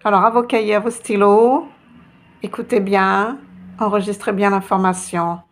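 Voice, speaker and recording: A woman teaching an online language lesson, slow and patient, often repeating sounds for her students. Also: medium pitch, fairly even intonation. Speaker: Arabic teacher.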